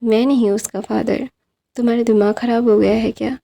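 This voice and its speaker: A woman voicing a stern, cold adult husband with curt, flat replies in a fanfic retelling. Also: fairly high pitch, brisk, vocal fry.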